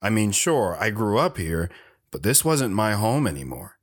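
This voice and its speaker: A man's voice: on the low side, very animated, normal speed. A man playing a young soldier, husband and father, who talks in a clipped, dutiful way and narrates his own story. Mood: steady. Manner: clipped, dutiful military politeness. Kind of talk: first-person story narration and dialogue.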